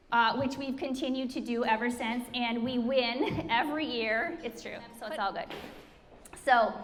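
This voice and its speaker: A woman's voice: high-pitched, fairly bright tone. A middle-aged woman telling a chatty, self-deprecating story to an audience, laughing often. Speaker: speaker introducing the founder. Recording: hall reverb, faint room noise.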